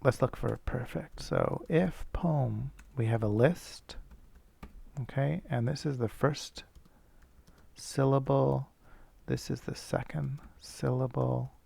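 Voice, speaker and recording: A man's voice: medium pitch, vocal fry, mellow, breathy edge. A male teacher thinking aloud as he works through a coding problem, casual and self-correcting. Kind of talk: screencast coding lesson.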